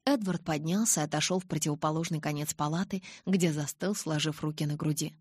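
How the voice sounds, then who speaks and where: A woman narrating a novel in an even, measured reading. Her voice is low and husky. The recording is dry and close, with no room sound. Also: no echo. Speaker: audiobook reader.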